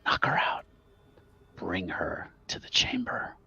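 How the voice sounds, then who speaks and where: A man voicing an old great-grandmother witch's ghost in a frail, breathy, eerie whisper, as whispered role-play at a tabletop game. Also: deep voice, wildly swooping pitch, slow, bright, forceful tone, highs cut off, exaggerated voice. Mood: scheming. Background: music.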